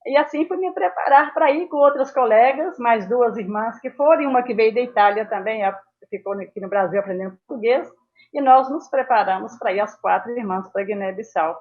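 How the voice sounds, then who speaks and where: Speaking briskly, an elderly interviewee in her seventies shares memories in a relaxed conversation, her voice sitting fairly high. She wanders between details and tags many phrases with small questions, over a somewhat dull, lo-fi recording.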